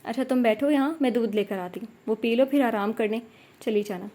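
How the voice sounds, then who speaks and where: A woman's voice: a little high, mellow, close to an everyday voice. A woman voicing a tender, doting older mother figure in an audio novel, speaking in a soothing, affectionate way.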